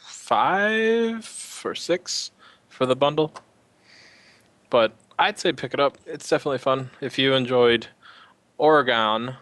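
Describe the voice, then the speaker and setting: A man's voice: medium pitch, fairly bright tone, no echo. A man co-hosting a gaming podcast, joking and teasing his friends in casual chat. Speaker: podcast co-host.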